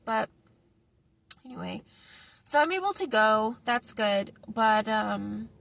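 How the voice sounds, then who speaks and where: A middle-aged woman talks straight to the camera in a loose, unscripted vlog. Her voice has a gravelly, creaky edge, and she rambles along with lots of fillers and false starts. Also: a little high, fairly bright tone, a little hiss or hum. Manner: rambling, many fillers and restarts. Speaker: vlogger. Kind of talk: casual vlog monologue. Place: parked car.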